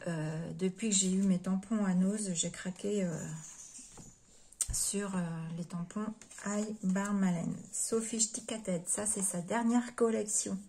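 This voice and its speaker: A woman craft vlogger chatting casually as she shows things off, gushing with repeated praise and often dropping to soft whispers. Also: mid-range voice, fairly even intonation, slow pace, a little hiss or hum. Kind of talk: casual show-and-tell chat.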